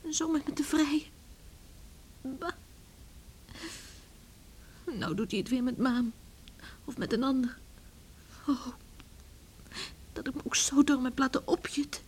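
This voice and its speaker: In a noisy old Dutch radio drama recording, an actress plays a headstrong, troubled young village woman, performing in a theatrical, emotional way with a mood of troubled brooding. Her voice sits high and has a darkish tone, delivered a little slowly with long pauses.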